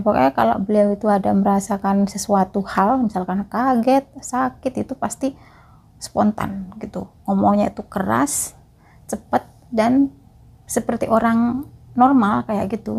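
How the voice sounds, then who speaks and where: A woman's voice: mid-range voice, steady tone, moderate pace, vocal fry, darkish tone, husky. A woman from East Java, a migrant caregiver chatting casually to her viewers in a vlog and often calling them friends. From East Java, Indonesia.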